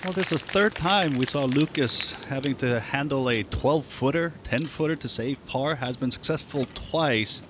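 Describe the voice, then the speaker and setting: A man's voice: mid-range voice, normal speed, few pauses. A man giving golf commentary as a commentator. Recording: clear outdoor background noise.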